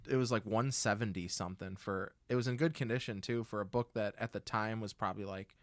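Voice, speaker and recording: A man's voice: on the low side, steady tone, fairly quick, no room sound. A man co-hosting a casual podcast chat, talking in a laid-back, trailing way. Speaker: podcast co-host.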